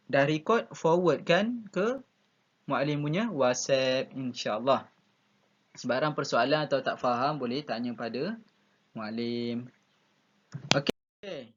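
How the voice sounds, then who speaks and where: A man with a Malaysian Malay accent walks young pupils through their tasks in an online class. He talks patiently, repeats each step, and keeps saying "ha" and "okey". His voice sits slightly high for a man, and the audio is a bit dull and lo-fi. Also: a bit bright. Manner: patient, repeats instructions, frequent "ha" and "okey" fillers. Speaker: primary school teacher.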